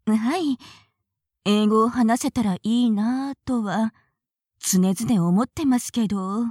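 A woman playing a naive, flustered young woman with a high voice. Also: slow, a little mellow, no room sound, studio quality. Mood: polite, flustered. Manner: polite, hesitant, stammers when flustered. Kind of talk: audio drama acting.

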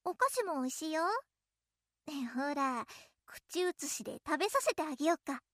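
A woman voicing a clingy, possessive young childhood-friend girl in an audio role-play, speaking to the listener in a coy, playful, teasing way with a soft menace. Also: high voice, sing-song, moderate pace, no echo, studio quality, full character voice. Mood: playful, coaxing.

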